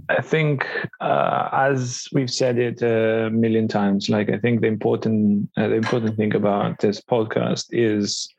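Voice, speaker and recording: A man from Greece co-hosting a casual podcast, talking in a halting, thoughtful way with frequent pauses mid-sentence. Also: fairly low pitch, vocal fry, darkish tone, slightly rough, dry recording, lo-fi sound. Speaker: podcast co-host.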